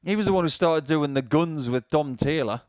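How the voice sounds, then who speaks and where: Guy with a slightly high voice doing chatty darts commentary, wry and jokey, super dry close sound. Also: moderate pace, a little mellow, dry recording. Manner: wry, anecdotal banter. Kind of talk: chatty, joking sports commentary.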